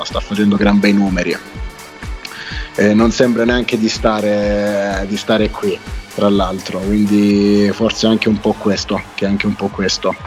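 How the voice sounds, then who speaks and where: A young man with a southern Italian accent from Puglia, chatting casually as a club DJ guest, with brief, repetitive and hesitant answers. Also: fairly low pitch. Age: young adult. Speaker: club DJ and music producer, radio guest. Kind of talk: casual interview chat. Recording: background music, remote link.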